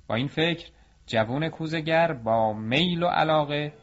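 A man's voice: fairly high pitch, muffled recording. A man narrating a folk tale, addressing his listeners as dear ones. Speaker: storyteller. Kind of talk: storybook narration.

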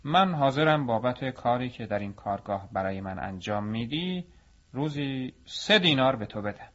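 A man's voice: mid-range voice, animated, fairly bright tone, highs cut off, natural voice. A man voicing a greedy, cunning master potter who speaks coolly and mockingly, in a storybook reading. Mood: scornful. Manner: cool and mocking.

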